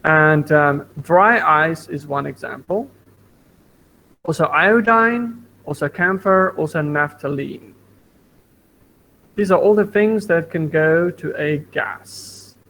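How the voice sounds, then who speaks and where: A man's voice: fairly high pitch, slow pace, sharp tone, slight background noise, rough recording. A man teaching a science lesson to a primary school class over an online video call, patient, repeating points and asking the class questions. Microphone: computer mic on video call.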